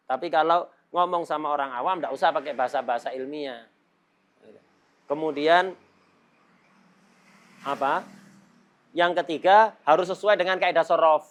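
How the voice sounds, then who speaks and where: A middle-aged male religious teacher lectures a class in a loose, joking tone. His voice sits a little higher than most men's, and Arabic terms run through his everyday talk. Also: a bit bright.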